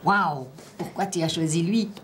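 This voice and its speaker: A woman teacher with a Québécois French accent, slowly and patiently prompting a child through a one-on-one reading assessment. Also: lowish voice. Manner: slow, patient, drawn-out word-by-word prompting. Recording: faint background noise.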